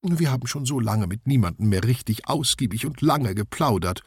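A man's voice: mid-range voice, animated, normal speed, darkish tone, breathy edge, no echo, clean studio sound, pitched above the performer's own voice. A man voicing a chatty, gossiping female shopkeeper in a children's storybook who talks on and on. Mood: gossipy.

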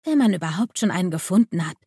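A woman voicing Coralie, an excitable young mermaid girl who frets easily, in a storybook reading. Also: on the low side, quick pace, husky, dry recording, clean studio sound. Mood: anxious.

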